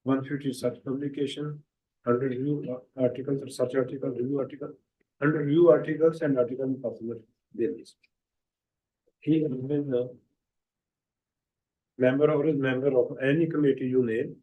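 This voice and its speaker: A man chairing a seminar session, introducing the next speaker in a halting way with many pauses and fillers. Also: mid-range voice, steady tone, narrow, tinny audio. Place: conference room.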